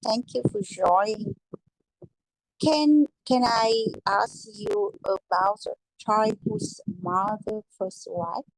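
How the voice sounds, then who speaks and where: A woman's voice: mid-range voice, slow, slight background noise, low-quality recording. A woman learning English, speaking hesitantly and repeating words as she gropes for phrases. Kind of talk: practicing English aloud in a lesson.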